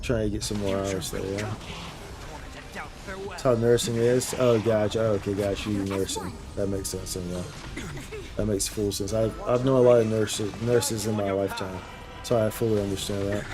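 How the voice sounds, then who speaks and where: Over music, a man with a fairly low voice keeps a steady tone at a moderate pace. He's a game streamer hosting a laid-back livestream, chatting in slang as he plays and repeating phrases to stress his points.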